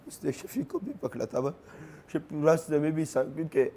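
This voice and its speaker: Recounting events during an interview, a young Pashto-accented man grieves as he talks, stumbling through fragmented, repetitive phrases. He comes from Khyber Pakhtunkhwa, Pakistan, and Pashto is his first language. His voice sits fairly high and sounds warm.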